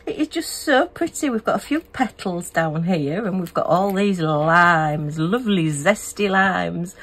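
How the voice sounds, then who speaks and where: A woman's voice: fairly low pitch, animated, a little slow, fairly bright tone. A middle-aged woman from the UK, chatting casually and gushing as she unboxes and reviews craft kits. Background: a small fan humming.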